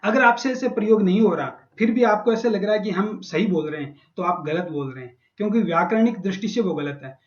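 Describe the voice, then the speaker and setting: High-voiced male lecturer in an echoey room. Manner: patient, repeats and spells out sounds slowly. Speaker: Sanskrit lecturer. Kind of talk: classroom lecture explaining grammar. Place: college classroom. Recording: echoey dull classroom recording.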